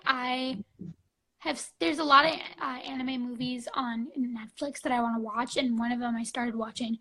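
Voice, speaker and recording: A young woman in her twenties hosts a casual live stream, her voice sitting high with a gravelly fry at the ends of phrases. She gushes in a bubbly way, peppering her talk with "like" and "um", heard through a phone mic. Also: sharp tone, poor audio. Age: 20s. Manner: gushing and bubbly, full of "like" and "um".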